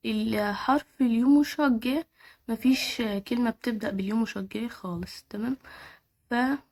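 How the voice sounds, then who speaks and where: A woman with an Egyptian Arabic accent teaching Turkish letters, repeating each word slowly and patiently. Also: on the high side, a little mellow. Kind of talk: slow step-by-step teaching.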